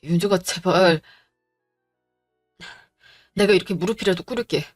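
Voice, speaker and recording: A woman's voice: fairly low pitch, normal speed, slightly rough, soft background music, voice pushed down. Woman doing a pleading young fiancé. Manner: apologetic, earnest. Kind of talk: Korean audio drama acting.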